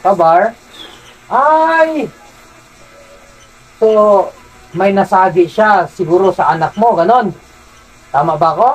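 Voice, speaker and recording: A man's voice: high-pitched, lively intonation, slow, long pauses, husky, poor audio. Insistent faith healer man, commanding. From Zamboanga City, Philippines. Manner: insistent, repeats questions, commanding. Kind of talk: healing session, interrogating a spirit.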